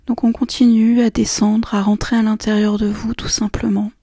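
A woman guiding a relaxation and meditation session in a soft, slow, half-whispered voice. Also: medium pitch, little pitch movement, breathy edge, dry recording, studio quality. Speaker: relaxation guide. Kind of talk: guided meditation.

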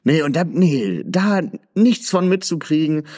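A man with a Lower Rhine accent, co-hosting a casual podcast chat in an easygoing, laugh-along way. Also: big pitch swings, unhurried, dark tone, breathy edge. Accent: Lower Rhine German. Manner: easygoing, laughs along, frequent fillers and restarts. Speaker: podcast co-host.

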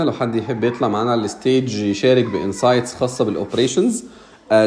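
A man with an Egyptian Arabic accent hosts a casual live audio discussion, dropping English business terms into his speech. His voice is medium-pitched and mellow.

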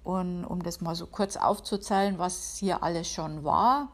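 A woman's voice: on the low side, unhurried. Chatty woman hosting a podcast. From Upper Palatinate, Bavaria, Germany. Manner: chatty and self-ironic, with many fillers. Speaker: podcast host. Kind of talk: casual solo podcast monologue. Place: home, working from home.

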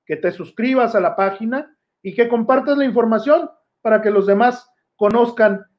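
A man with a Mexican accent giving informal political news commentary to his listeners, halting and repeating himself. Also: extremely high pitch, muffled recording. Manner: halting, repetitive, rhetorical questions.

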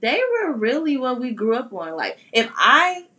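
A woman's voice: fairly high pitch, sing-song, moderate pace, pushed and bright. A young woman co-hosting a podcast, chatting casually in a teasing, slangy way. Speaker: podcast co-host. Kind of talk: casual chat.

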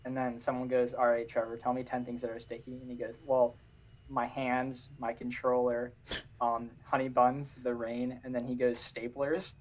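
A young man co-hosting a casual chat, animated and jokey, often tripping over his words. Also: medium pitch, moderate pace, a little hiss or hum. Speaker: podcast co-host.

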